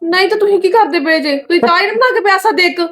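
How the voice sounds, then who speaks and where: A woman's voice: extremely high pitch, rapid-fire, fairly bright tone. A woman playing a demanding, whiny sister-in-law who argues with her brother's wife in a family skit. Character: demanding young married sister-in-law visiting her parents' home.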